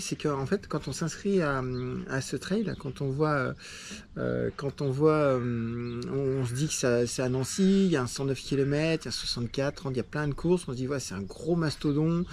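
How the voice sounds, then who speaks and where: A man's voice: mid-range voice, a little fast, darkish tone, slight background noise. Casual male trail-running vlogger, rambling delivery full of fillers, outdoor handheld recording. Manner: chatty, rambling with many fillers. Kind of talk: casual vlog chat. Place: outdoors after a race.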